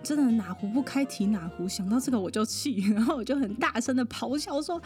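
A woman, a psychologist guest on a podcast, telling a personal story in a lively way, often laughing and mimicking other people. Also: on the high side, a little fast, faint music behind.

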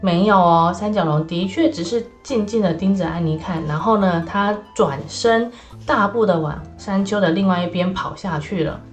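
Animated woman telling a children's story. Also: fairly low pitch, moderate pace. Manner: lively, animated, with many fillers. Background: soft background music.

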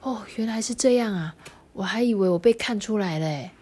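A woman's voice: mid-range voice, fairly quick, darkish tone, breathy edge, pitched above the performer's own voice, lightly acted. A woman voicing a shy little lion cub boy in a storybook, hesitant and stammering. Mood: relieved.

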